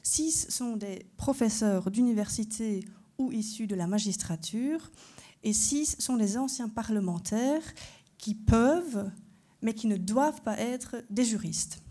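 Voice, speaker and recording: Her voice sits fairly high and comes across unhurried and mellow. She is a Belgian constitutional court judge, German by first language, delivering a structured conference lecture in an explanatory way and posing rhetorical questions to the audience.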